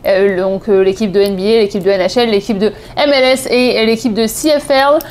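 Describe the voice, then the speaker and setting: Speaking a little fast in a mid-range voice with fairly even intonation, a French-accented woman in her thirties from southeast France tells personal stories to camera. The vlog is casual, chatty and full of digressions, and she regularly corrects herself.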